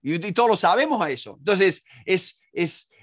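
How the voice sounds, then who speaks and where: A middle-aged man teaches an audience in a loose, conversational way. His voice sits a little higher than most men's, and he keeps asking rhetorical questions and restarting his sentences as he explains. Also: lively intonation, moderate pace, fairly bright tone. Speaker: negotiation expert and instructor. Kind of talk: spoken lesson to an audience.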